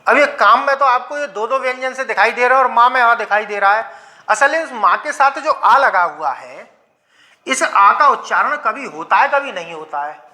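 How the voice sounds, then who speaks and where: High bright-voiced Hindi teacher. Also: male voice, animated. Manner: asks students questions and answers them himself; repeats example words slowly for pronunciation. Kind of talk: classroom lecture.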